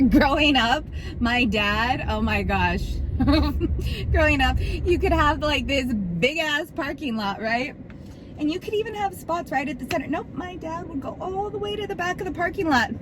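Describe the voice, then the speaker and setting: A woman's voice: high voice, animated, unhurried. Bubbly woman vlogging from a noisy car. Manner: bubbly, rambling, spiritual talk, laughs a lot. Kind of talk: casual chat to camera. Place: in a car driving through a city. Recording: car and traffic noise. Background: loud traffic and car noise.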